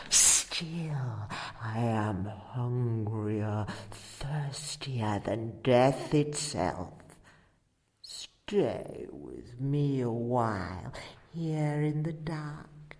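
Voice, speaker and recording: An actress playing a mad, bloodthirsty countess in a horror audio play, theatrical, seductive and menacing, often sinking into a breathy whisper. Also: female voice, rumbling low, darkish tone, heavily acted.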